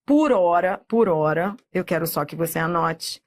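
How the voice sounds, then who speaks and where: A middle-aged woman with a Brazilian Portuguese accent, teaching a recorded exam-prep lesson and drawing words out slowly, often checking in with "tá?". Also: fairly low pitch, animated. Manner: slow, drawn-out spelling of words with frequent checks like "tá?".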